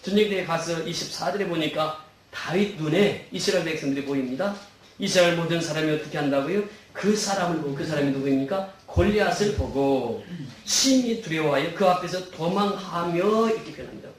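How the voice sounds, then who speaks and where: A middle-aged man preaches a sermon from the pulpit, his voice sitting a bit high for a man. He throws emphatic questions out to the congregation and leads them through scripture. The sound carries heavy church-hall echo and is picked up from some distance. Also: brisk. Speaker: pastor. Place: church sanctuary. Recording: echoey hall, mic at a distance.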